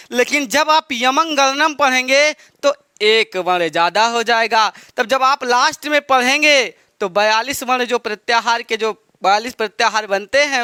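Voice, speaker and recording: A male teacher giving a slow exam-prep lecture, repeating each item and quizzing his students. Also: very high voice, sharp tone, smooth, dry recording, clean studio sound.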